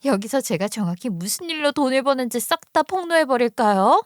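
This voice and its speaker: A woman's voice: high voice, expressive, brisk, dry recording, clean studio sound, pitched above the performer's own voice. A woman voicing a defiant young woman who bitterly accuses her own mother, her voice raised and hurt. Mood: bitter, accusing.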